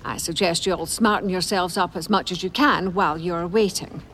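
A man voicing a stern, brisk older female witch teacher in an audiobook, with a crisp, commanding delivery. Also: high-pitched, sharp tone, slight background noise, voice pushed up, rough recording. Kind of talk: audiobook character voice.

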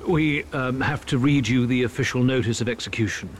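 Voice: medium pitch, a little fast, slight background noise, pitched below the performer's own voice, natural voice. A reader voicing a middle-aged official who hesitantly reads out a formal notice in an audiobook. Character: fussy official minister, middle-aged man.

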